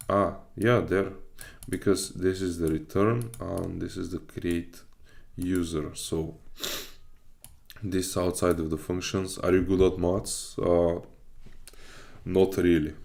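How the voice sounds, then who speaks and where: A Bulgarian man livestreams his web development study session in a low, creaky, darkish voice. He casually reads aloud and hesitantly thinks things through as he goes.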